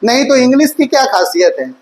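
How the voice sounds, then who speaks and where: A woman's voice: high voice, expressive, a little fast, a little mellow, poor audio. A woman teaching an online Hindi exam-prep class, drilling vowel sounds aloud and quizzing her students with rhetorical questions, calling them 'beta'. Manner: addresses students affectionately as 'beta'. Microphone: recorded for mobile viewers.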